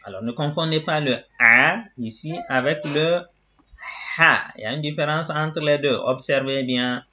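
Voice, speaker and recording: A man teaching a reading lesson, sounding out words slowly syllable by syllable in a patient, drawn-out way. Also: fairly high pitch, bright, forceful tone, highs cut off, slight background noise.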